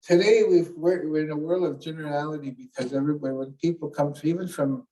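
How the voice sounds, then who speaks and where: Heard from a distance, a man from Canada delivers a storytelling keynote as an elder, earnest and instructive, retelling conversations with frequent restarts. He talks fast in a slightly high, warm, steady voice.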